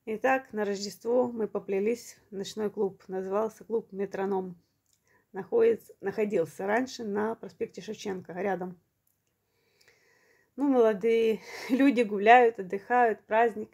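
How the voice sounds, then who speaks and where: Woman around fifty, from Ukraine, mellow voice, plain home vlog storytelling, slightly short of breath. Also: mid-range voice, steady tone, a little slow, vocal fry, breathy edge. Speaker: vlogger. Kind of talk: personal storytelling to camera.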